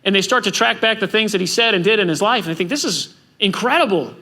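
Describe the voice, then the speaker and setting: A man preaching a sermon as pastor, animated and acting out the voices of biblical figures. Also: high-pitched, racing.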